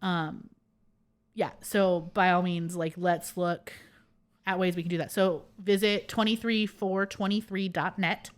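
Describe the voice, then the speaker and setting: A woman's voice: lowish voice, steady tone, unhurried. A woman co-hosting a casual podcast chat, easygoing and full of fillers, leading the sign-off. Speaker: podcast co-host.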